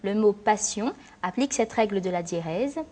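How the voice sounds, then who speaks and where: A woman teacher narrating a scripted lesson in a clear, measured, explanatory way. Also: mid-range voice, expressive, mellow. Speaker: French teacher.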